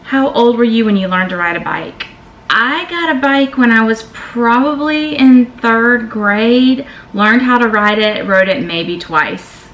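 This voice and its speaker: A woman's voice: on the high side, expressive, measured pace, fairly bright tone, lo-fi sound. A middle-aged woman with a Southern American accent, chatting casually as she answers tag questions in her vlog, emphatic and fond of saying y'all. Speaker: vlogger. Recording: echoey room with faint ambient noise.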